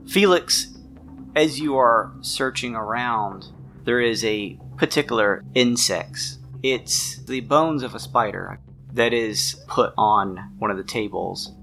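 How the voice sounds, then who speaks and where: Narrating a tabletop mystery game as its game master, a man speaks conversationally and descriptively at a measured pace, with music in the background. His voice sits on the low side, gravelly and a bit bright.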